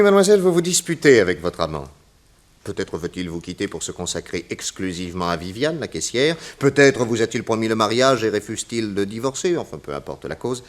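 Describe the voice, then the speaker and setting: In a theatrical 1960s radio crime drama, an actor with a fairly low male voice plays a self-assured, logical private detective, laying out his deductions in a measured way.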